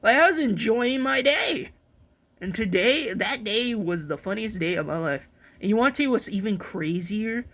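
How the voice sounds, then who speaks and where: Rambling, excitable man telling a story. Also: sits high, normal speed. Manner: excitable, rambling, swears freely. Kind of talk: casual rambling anecdote.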